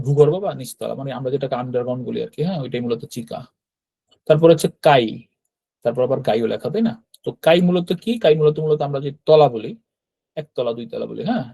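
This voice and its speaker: Male language teacher, fast delivery, mellow dark tone, repetitive explanatory style. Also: medium pitch, vocal fry. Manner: explanatory, repeats words, frequent fillers and "right?" checks. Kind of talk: online class lesson explaining vocabulary.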